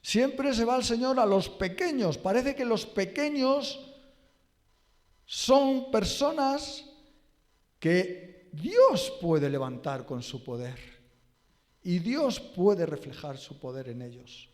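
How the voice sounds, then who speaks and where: A male pastor preaching a sermon and leading a prayer in a slow, emphatic, drawn-out way. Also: lively intonation, a little mellow. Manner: emphatic, drawn-out preaching with wide pitch swings. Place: church hall. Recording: reverberant church hall.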